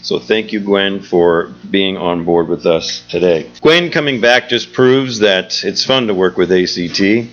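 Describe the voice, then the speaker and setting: In a live, lo-fi recording that sounds dull and carries music underneath, a theatre executive director welcomes the audience to a show with casual jokes. His voice is low and a bit bright, delivered at a measured pace with few pauses.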